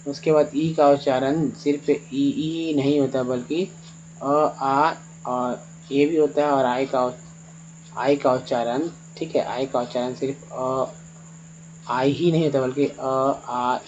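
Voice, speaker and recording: A man's voice: medium pitch, darkish tone, slight background noise, rough recording. A man teaching English reading over slides, patiently spelling words letter by letter and asking then answering his own questions. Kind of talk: spoken lesson over slides.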